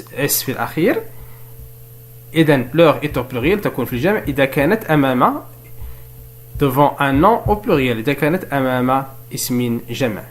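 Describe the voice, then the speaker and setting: A man teaching a French spelling lesson in another language, explaining step by step, asking and answering his own questions, and dictating examples slowly. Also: medium pitch.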